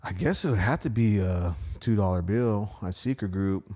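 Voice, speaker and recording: A man's voice: on the low side, normal speed. A man with a Texan accent, a stand-up comic guesting on a podcast, telling stories in casual chat and acting out other people's voices. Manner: animated storyteller, acts out others' voices.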